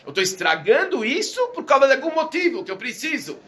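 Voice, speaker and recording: A man teaching a Talmudic lesson, reasoning aloud in an animated way and often repeating words. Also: very high-pitched, a little fast.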